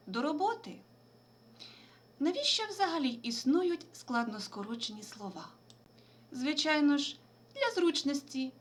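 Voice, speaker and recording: A woman teacher with a high voice and a lot of movement in her pitch, giving a remote school lesson. She explains each point clearly and spells out abbreviations letter by letter at a slow, deliberate pace.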